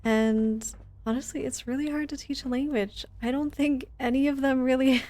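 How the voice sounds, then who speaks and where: A woman game streamer chats casually during a livestream, her high-pitched voice darkish in tone with fairly even intonation at normal speed. She rambles conversationally while thinking aloud as she plays.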